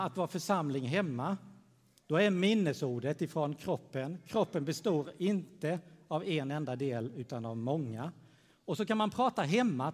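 A man gives a children's sermon, his voice sitting a little high for a man. He speaks gently and tells a story to the young listeners. His words ring out with a long church reverb. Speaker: pastor.

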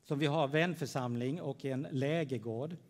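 A man preaching a gentle children's sermon in church, telling a story and speaking warmly to the children. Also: mid-range voice. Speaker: pastor. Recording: long church reverb.

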